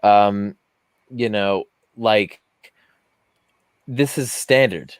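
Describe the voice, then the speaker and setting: A man's voice: fairly low pitch, extremely slow, smooth, no echo. Profane ranting man, dry sound. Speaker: podcast host. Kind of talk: heated casual chat.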